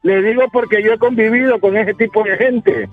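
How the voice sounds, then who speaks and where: A man's voice: high voice, fairly even intonation, moderate pace, phone-quality sound. A Honduran man co-hosting a morning show, insistent and storytelling in casual banter. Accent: Honduran Spanish. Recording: music playing behind.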